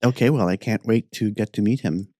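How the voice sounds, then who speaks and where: A man's voice: fairly low pitch, a little fast, warm tone, dry recording, clean studio sound. A man working as an interviewer, asking questions and responding in casual conversation.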